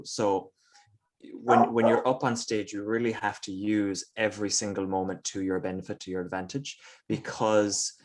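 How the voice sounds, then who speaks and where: A man from the west of Ireland with an Irish accent, chatting casually and playfully as an interview guest, with self-deprecating humour. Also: on the low side. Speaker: guest comedian.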